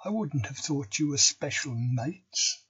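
A man voicing a male schoolteacher who talks in a gruff, jokingly growling way. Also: medium pitch, animated, unhurried, fairly bright tone, lo-fi sound, exaggerated voice.

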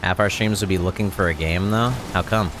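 A man in his thirties with a lowish voice talks through a video game as a streamer. He gives casual tips and running commentary on a close mic, with noticeable noise and ambience behind him. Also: fairly even intonation, a little fast. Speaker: game streamer and tutorial host. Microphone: close microphone on a boom arm.

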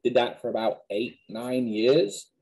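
A man in his thirties with a West Country Wiltshire accent softened by American, answering questions conversationally in an interview. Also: mid-range voice, lively intonation, measured pace, vocal fry, rough recording. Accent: West Country Wiltshire English, softened by American. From Wiltshire, England. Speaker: museum director, interview guest. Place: small plain office, video call.

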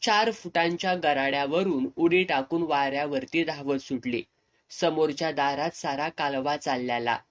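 A man narrating a serialized novel in an expressive storytelling manner. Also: fairly high pitch, normal speed.

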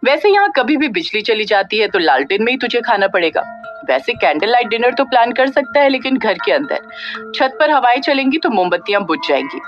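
A woman's voice: fairly high pitch, very animated, brisk. A woman narrator voicing Vicky, a young man who jokes and boasts to his friend. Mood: joking. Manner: joshing, boastful banter. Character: young man Vicky, joking, cocky buddy. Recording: dull lo-fi audio with faint music.

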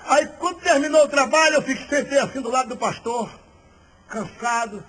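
A man preaching a sermon in a fervent, theatrical manner, often shouting. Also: extremely high pitch, brisk, poor audio. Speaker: missionary preacher. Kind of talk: sermon with a personal story.

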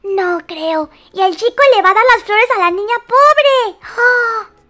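Very high bright-voiced woman narrating. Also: measured pace. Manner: excited, exclaiming, gasping reactions. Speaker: storyteller narrating a doll-game story. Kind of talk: casual playful narration of a game story.

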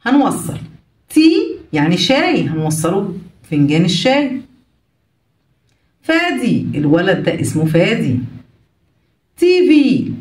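A woman's voice: medium pitch, a little mellow, roomy sound, recorded from a distance. Egyptian woman teaching English words. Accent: Egyptian Arabic. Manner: repeats words slowly, then translates each. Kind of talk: workbook lesson for young children.

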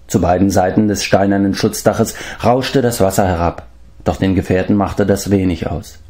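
A man narrating a fantasy novel chapter as an audiobook in an expressive, measured storytelling voice. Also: deep voice.

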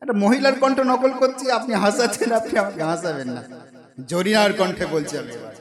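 A man's voice: sits high, very animated, quick pace, crowd noise. A man preaching a humorous sermon, joking and teasing the audience between sung ghazal lines.

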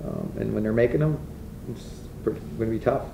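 A man's voice: lowish voice, a little fast, gravelly. A middle-aged man, a head coach, answering blunt and matter-of-fact at a postgame press conference at a table mic. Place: press room. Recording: echoey room, from far off, with noise.

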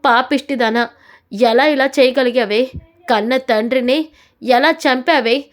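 A woman's voice: high-pitched, a little slow. A woman voicing a scheming, furious old grandmother who scolds and accuses in a storytelling recap.

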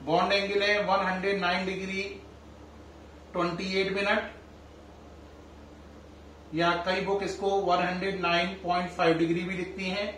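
High-voiced male chemistry teacher lecturing. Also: little pitch movement, unhurried, pauses often, a little hiss or hum. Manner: addresses students warmly as children, quizzes them. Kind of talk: classroom lecture. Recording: echoey room, mic at a distance.

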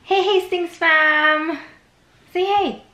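A woman's voice: extremely high pitch, fairly even intonation, drawn-out words, lo-fi sound, background noise. A woman hosting a family vlog at home, chatting playfully with her child and often laughing. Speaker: vlog host and mother. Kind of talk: casual family vlog chat. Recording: echoey room with loud music.

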